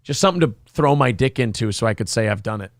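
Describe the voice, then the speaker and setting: A man's voice: medium pitch, animated, fast talker, no echo, clean studio sound. A man hosting a live talk show, bantering and answering listeners in a cocky, taunting, mock-apologetic way, with profanity.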